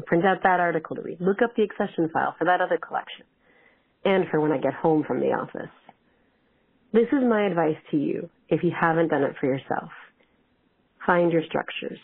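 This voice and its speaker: Woman's tinny phone voicemail message. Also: low voice. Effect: voicemail played over the phone line. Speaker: archivist leaving a voicemail. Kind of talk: prepared advice message.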